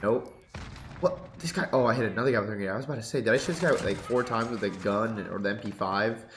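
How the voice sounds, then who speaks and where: Speaking fast in a low-leaning voice, a young man with congestion talks through his game settings and calls out gameplay on a headset with a boom mic. He's a competitive gaming YouTuber at home, mostly relaxed with excitable spikes mid-play. The audio sounds roomy, with slight hiss or hum.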